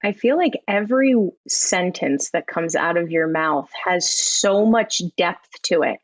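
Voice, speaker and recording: A woman's voice: fairly low pitch, expressive, dry recording. A woman co-hosting a podcast, talking in an articulate, reflective and analytical way with psychology vocabulary. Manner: articulate, measured, uses psychology jargon. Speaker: podcast co-host. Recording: slightly dull, dry close recording.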